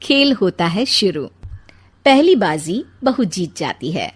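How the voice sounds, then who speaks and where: A woman narrating a cartoon family story in a light, lively way. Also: medium pitch, takes it slowly, breathy edge.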